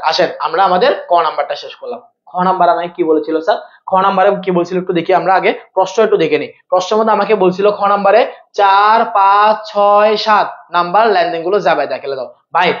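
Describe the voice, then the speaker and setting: High-pitched and missing its top end, this man's voice leads a live online accounting lesson. He speaks in quick bursts, goes over the same points repeatedly, and tests students with questions.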